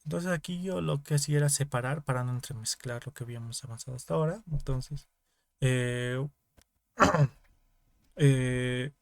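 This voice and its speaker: A man's voice: mid-range voice, moderate pace, vocal fry, pauses often, no room sound. A young man with a Bolivian Spanish accent teaching an online class, explaining in small repeated steps and often checking with the students. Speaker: teaching assistant.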